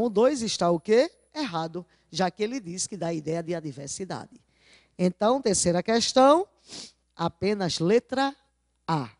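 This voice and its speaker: A woman teacher going over exam answers in a video lesson, often asking her class rhetorical questions and slowly stressing key words. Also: mid-range voice, a little mellow, no echo, studio quality.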